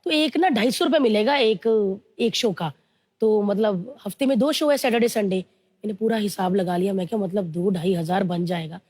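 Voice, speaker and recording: A woman in her thirties from India, telling her life story in an interview, slowly and earnestly, mixing English words into her talk. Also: mid-range voice, darkish tone, no echo. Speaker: interview guest.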